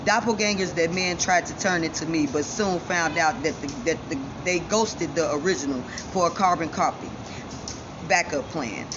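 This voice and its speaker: A woman's voice: lowish voice, normal speed. A woman from giving a defiant, self-assured personal monologue straight to viewers, her speech shaped by missing front teeth. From Chicago, United States. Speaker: vlogger. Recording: dull lo-fi sound, loud ambient noise.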